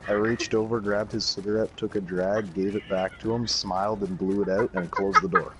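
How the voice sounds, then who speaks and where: A young man telling a rambling party anecdote, swearing constantly and getting loud when he quotes people. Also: fairly low pitch, normal speed. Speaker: storyteller. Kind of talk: casual anecdote to camera. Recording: loud steady background noise.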